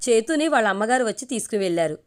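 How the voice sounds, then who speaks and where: A woman's voice: a little high, lively intonation, rapid-fire, close to an everyday voice. A woman voicing an affectionate middle-aged mother in a read-aloud story, teasing and tender in turn.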